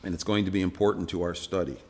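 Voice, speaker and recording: A man's voice: deep voice, fairly even intonation, very fast, a little mellow. A man teaching an informal church Bible study, talking conversationally with many fillers and asking the room questions. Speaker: preacher teaching a Bible class.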